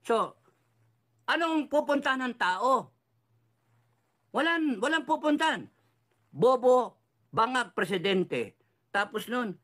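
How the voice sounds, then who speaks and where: A man's voice: very high voice, sharp tone. Heated, swearing man ranting about politics. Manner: angry, sarcastic, swearing, mixes in English phrases. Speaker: political commentator.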